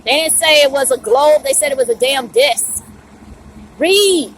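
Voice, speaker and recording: A high-voiced woman preaches a fiery, profane rant straight to camera. She stands outside at a bus stop, with faint street traffic under her voice. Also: steady tone, moderate pace, poor audio. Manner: fiery, preachy, profane, drops rhetorical "right?" often. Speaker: vlogger. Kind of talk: blunt outdoor rant to camera.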